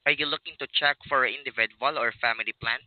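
A man's voice: medium pitch, steady tone, quick pace, no room sound. A man working as a health insurance telemarketer, giving scripted questions on a sales call. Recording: tinny narrow phone line.

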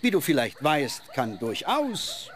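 A man's voice: a little high, wildly swooping pitch, slow pace, fairly bright tone, slight background noise, exaggerated voice. A man voicing the clever, prissy, scholarly head of a two-headed giant ogre in a video game, speaking in a pompous, fussy, lecturing way. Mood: pompous, apologetic. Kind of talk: fantasy video game acting.

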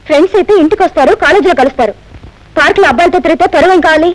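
A woman playing a lively, argumentative young woman in film dialogue. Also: very high voice, very fast, poor audio. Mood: indignant.

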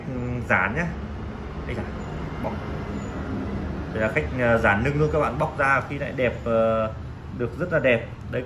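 Man pitching sales, noisy recording. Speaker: phone shop seller. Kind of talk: casual sales pitch presenting used phones. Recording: clearly noisy room recording.

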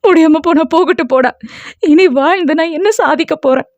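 A tearful, anxious mother, played by a woman reading an audio novel, her voice pitched high and pleading. She scolds and frets at her son. The dull, dry recording has no room sound. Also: very animated, fast talker, a little mellow, no room sound.

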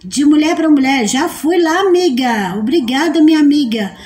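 A woman's voice: sits high, normal speed, a little mellow. A woman hosting a casual live stream, reading out viewer comments, greeting people by name and teasing them playfully.

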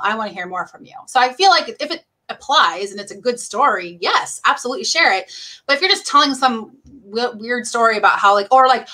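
Female interview guest, bright, forward voice; chatty and filler-heavy delivery. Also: fairly high pitch. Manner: chatty, fast, says "like" a lot, laughs often. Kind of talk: casual conversation.

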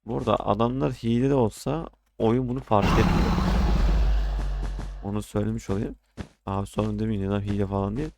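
Gravelly young man ranting over gameplay. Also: fairly low pitch, steady tone, a little fast, music in the background. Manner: frustrated, ranting, swearing at the game. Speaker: gaming streamer. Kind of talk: casual gameplay commentary.

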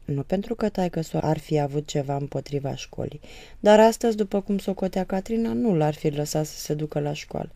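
A woman narrating an audiobook novel in a measured storytelling manner. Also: deep voice, creaky, dark tone, no room sound.

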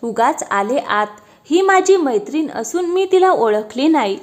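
A woman voicing a shy, newly married young wife who blushes and gently protests. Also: sits high, lively intonation, measured pace, pitched above the performer's own voice. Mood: bashful.

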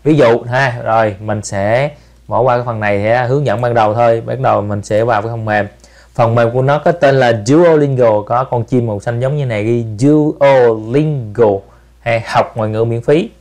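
A man's voice: mid-range voice, moderate pace. Easygoing man explaining. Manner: relaxed, step-by-step, ends phrases with soft tag particles. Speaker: channel host giving an app tutorial. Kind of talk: casual screen-recorded tutorial.

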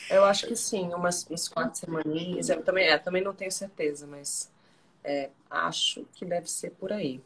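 A woman's voice: on the low side, fairly even intonation, moderate pace, a crowd in the background. Chatty young woman on a live stream. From Paraná, Brazil. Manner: chatty, reads fan comments aloud. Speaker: actress hosting a fan live stream. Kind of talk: casual live-stream chat. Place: home living room, indoors. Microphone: video call on webcam.

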